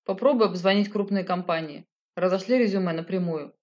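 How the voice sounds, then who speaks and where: A man's voice: sits high, brisk, lo-fi sound, close to an everyday voice. Woman reading as a cold sarcastic man. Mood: advising. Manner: icy, mocking. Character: evasive adult man, cool and sarcastic.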